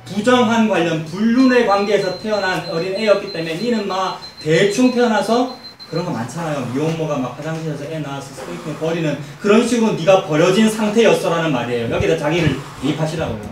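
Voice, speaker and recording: Emphatic Korean pastor in an echoey church. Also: male voice, high-pitched, fast talker, slight background noise. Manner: emphatic, animated storytelling with rhetorical questions to the congregation. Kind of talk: expository sermon. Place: church sanctuary. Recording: echoey church hall, mic at a distance.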